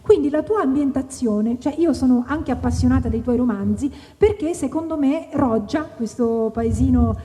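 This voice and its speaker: Brief: high, chatty woman host, live onstage banter, long reverb, faint noise. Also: mellow. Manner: chatty, joking, quick to banter. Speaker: event host and interviewer. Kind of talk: casual live onstage conversation. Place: outdoor tent at an evening wine festival.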